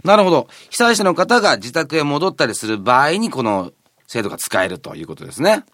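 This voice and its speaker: Lively, animated male radio host. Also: fairly high pitch, fairly quick, no room sound, studio quality. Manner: polite, conversational, lightly joking. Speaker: radio show host and reporter. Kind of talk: chatty radio presenting and interviewing.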